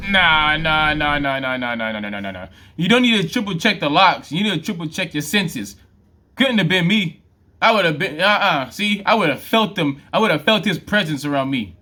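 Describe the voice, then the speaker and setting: A man's voice: on the high side, expressive, normal speed, bright, forceful tone. A man hosting a reaction video, talking back at a clip in slangy, laughing casual commentary.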